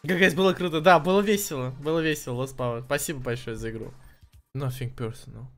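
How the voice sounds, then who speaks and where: A young man giving casual, excitable live commentary while streaming a video game. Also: medium pitch, fast, soft background music. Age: young adult.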